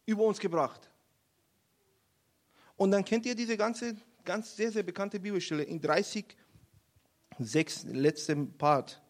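A man preaching a sermon, retelling a Bible chapter with emphatic, animated storytelling. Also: high voice, measured pace.

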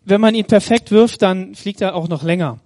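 A man preaching a sermon in Munich, reading Bible passages aloud and slowing down for emphasis. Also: sits high, a little mellow, dry recording, studio quality. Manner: reads scripture aloud, slows for emphasis; addresses the congregation directly. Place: church in Munich.

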